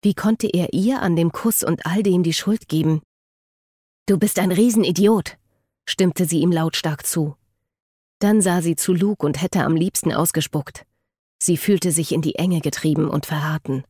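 Low-voiced woman narrating an audiobook. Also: moderate pace, mellow, breathy edge, no echo, studio quality.

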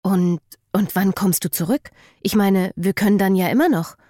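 A woman's voice: medium pitch, moderate pace, mellow, dry recording, clean studio sound, natural voice. A woman reading the part of an anxious, impatient teenage girl in an audiobook, pleading and demanding answers. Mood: shaken.

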